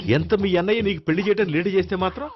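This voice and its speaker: An actor playing a pompous middle-aged police officer in a Telugu film comedy, given to preaching proverbs. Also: male voice, sits high, racing, faint music behind, lightly acted. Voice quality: sermonizing, proverb-quoting. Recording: slightly dull film audio with background score.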